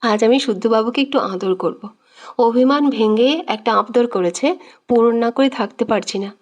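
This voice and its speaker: An irritable young man who snaps back through gritted teeth, as a woman narrating the story voices him. The voice sits a little high. It is a storybook romance drama. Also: moderate pace, a little mellow, lo-fi sound, natural voice. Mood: sarcastic. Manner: snapping, gritted-teeth retorts.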